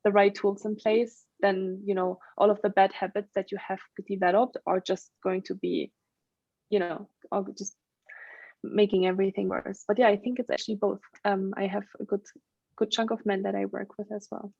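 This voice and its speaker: A German woman in her thirties, a burnout coach, tells her own story conversationally as a podcast guest, answering interview questions in a German accent. Her mid-range voice is gravelly and a little mellow, with flat delivery at normal speed. The sound is roomy, slightly dull and lo-fi.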